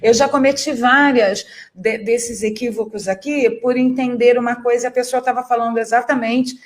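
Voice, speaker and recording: A Brazilian woman hosts a live political chat, reading viewer comments aloud in a chatty, teasing way. Her voice sits a little high. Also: fairly even intonation, normal speed. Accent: Brazilian Portuguese. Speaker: live stream host.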